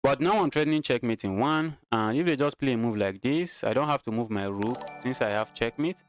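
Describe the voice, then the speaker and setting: Soft music plays behind a Nigerian chess streamer as he briskly commentates his game in a casual style, reasoning out loud, repeating phrases and speaking to his audience. His voice is mid-pitched, and the sound is dry and echo-free.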